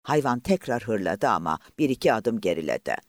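A fairly low-pitched man narrates a novel for an audiobook in scripted form, measured and expressive. The recording is dry and of studio quality.

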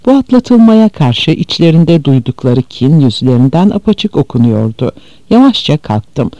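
A man giving a measured, grave scripted narration of a memoir as an audiobook reader. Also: a little high, very animated, warm tone, no room sound, rough recording.

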